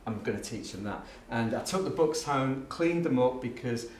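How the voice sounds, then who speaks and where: Animated man telling classroom tales. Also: medium pitch, moderate pace, slight background noise. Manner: lively, self-mocking, acts out the voices in his story. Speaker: teacher and education speaker. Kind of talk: anecdotal storytelling to a live audience. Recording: echoey room, voice picked up from a distance.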